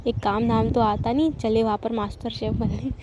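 Woman doing sharp-tongued scolding young woman. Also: fairly high pitch, fairly even intonation, moderate pace, background noise, close to an everyday voice. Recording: dull lo-fi recording.

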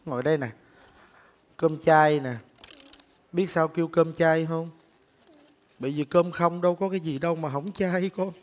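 A man's voice: on the high side, fairly even intonation, moderate pace, long pauses, close to an everyday voice. An actor playing a poor street-singer father, speaking with a coaxing, tender manner. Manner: coaxing, tender, then loud and frantic. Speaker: actor in a staged skit. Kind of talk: sentimental stage drama. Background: music.

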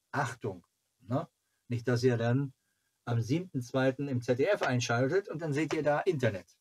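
In a small, cluttered room at home, a man hosting a children's TV fan club channel chats casually to viewers, rambling and thinking out loud. His medium-pitched voice is slightly husky, recorded by a camera or webcam at arm's length.

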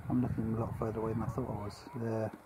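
A man from England giving live commentary while he films a bird on open fenland, talking quietly to viewers through his camera mic. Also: lowish voice, little pitch movement, very fast. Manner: quiet, musing asides to viewers. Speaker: wildlife filmer. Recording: outdoor camera audio with wind and bird noise.

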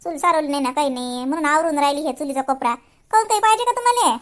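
A woman's voice: high-pitched, lively intonation, very fast. A woman playing an old grandmother in a rural comedy sketch, chattering and complaining.

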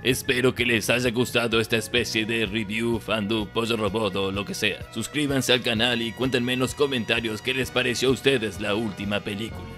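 Parody dub: male actor as sardonic old villain emperor, Latin American Spanish accent, forceful tone, mid pitch, light music behind. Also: fairly even intonation, moderate pace, few pauses, natural voice. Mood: matter-of-fact. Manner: sardonic, exasperated, swearing. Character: grumpy, foul-mouthed old male evil emperor reviewing a film. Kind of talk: comic scripted review in parody dub. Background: background music.

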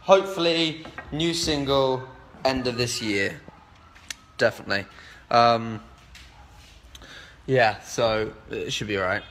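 A young man chatting casually and joking on a livestream while playing pool in a flat. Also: mid-range voice, slow. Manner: joking, laid-back. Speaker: band member on livestream. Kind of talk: casual chat. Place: flat with pool table, indoors. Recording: echoey room with background noise.

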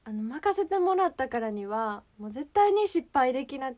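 Young Kansai woman, high bright voice, livestream host, chatty and rambling. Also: sing-song, moderate pace. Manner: chatty, rambling, searching for words. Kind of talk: casual livestream chat.

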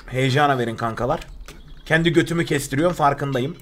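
A young man streaming a survival game live, chatting with viewers and yelping in excitable bursts of panic as he plays. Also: mid-range voice, fairly quick, a little hiss or hum. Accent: Turkish. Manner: excitable, yelps and repeats words when panicking. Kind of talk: live gameplay commentary.

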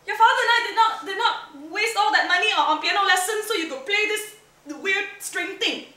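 A woman's voice: on the high side, slow pace, sharp tone, far from the mic, exaggerated voice. A woman playing a stern immigrant mother. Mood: exasperated. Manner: scolding, clipped commands. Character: strict middle-aged immigrant mother, demanding. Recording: roomy stage sound from afar.

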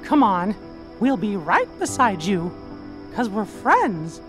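An actor voicing a cheerful, plucky cartoon mouse musketeer in a high squeaky falsetto, with scored game music behind him. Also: male voice, big pitch swings, slow pace, full character voice. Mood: earnest.

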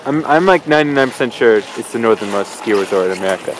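A man's voice: medium pitch, fast, noisy background. A young man chatting and laughing on a ski slope and chairlift, filmed with a handheld action camera. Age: young adult. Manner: laughs often, excited and chatty. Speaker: vlogger. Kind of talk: casual vlog chat. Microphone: action camera held at arm's length.

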